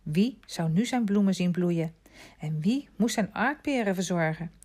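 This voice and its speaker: A woman reading a children's novel aloud as an audiobook, calm and measured, dropping to a hush at quiet moments. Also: lowish voice. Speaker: audiobook narrator. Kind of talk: scripted storybook narration.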